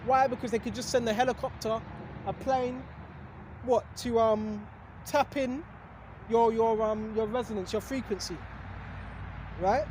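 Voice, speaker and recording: A man's voice: very high-pitched, steady tone, a little slow, pauses often, a little mellow, slight background noise. A man giving a rambling casual sermon to his video audience, full of rhetorical questions and repeated "right?", hiccuping now and then. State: has hiccups. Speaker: religious video host. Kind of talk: casual preaching monologue.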